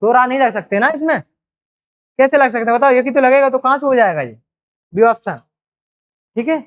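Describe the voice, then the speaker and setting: A woman's voice: high-pitched, expressive, fairly quick. A woman teaching a grammar exam-prep lesson, addressing students fondly and drawing out repeated words as she works through each question.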